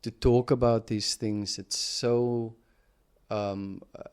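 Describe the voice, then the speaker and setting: A man's voice: lowish voice, little pitch movement, slow pace, a little mellow, clean tone. A man hosting a podcast, telling a personal story in a reflective, casual way, with many fillers and restarts. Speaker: podcast host.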